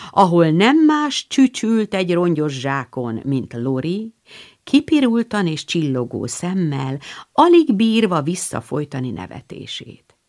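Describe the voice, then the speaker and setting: Élénk hanglejtésű női felolvasó. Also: female voice, deep voice. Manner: expressive, lively storytelling. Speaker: audiobook narrator. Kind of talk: scripted narration of a novel.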